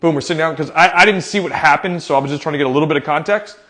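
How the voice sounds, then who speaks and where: Chatty American coach, slightly high voice. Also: male voice, racing. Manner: animated storyteller who acts out his own loud quoted lines; conversational, with many fillers and "right?" tags. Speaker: youth soccer coach. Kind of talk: casual coaching advice talk.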